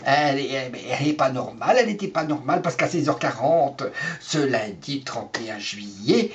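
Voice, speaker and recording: A man's voice: medium pitch, expressive, normal speed, slight background noise. A man rambling through a gossip monologue as a vlogger, repetitive and chuckling. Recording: dull lo-fi recording.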